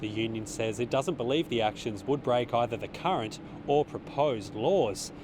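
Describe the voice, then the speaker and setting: A man with an Australian accent voicing a news report in a steady, formal tone. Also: mid-range voice, normal speed, background noise. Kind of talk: scripted news voice-over.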